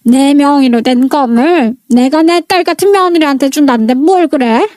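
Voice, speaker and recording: A woman's voice: high-pitched, normal speed, darkish tone, dry recording, clean studio sound, close to an everyday voice. A woman voicing a furious elderly mother-in-law who scolds bluntly and bosses everyone around.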